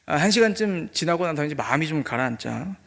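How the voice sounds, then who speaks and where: A man's voice: on the high side, lively intonation, quick pace, vocal fry, a bit bright. A man preaching a sermon in a church, in a conversational storytelling way. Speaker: pastor. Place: church, indoors.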